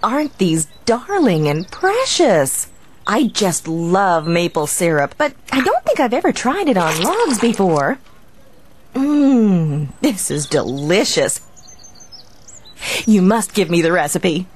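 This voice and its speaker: A woman's voice: mid-range voice, big pitch swings, slow, slightly rough, heavily acted. A woman voicing a prim lady at a fair in a cartoon, gushing with sugary praise. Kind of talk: cartoon voice acting.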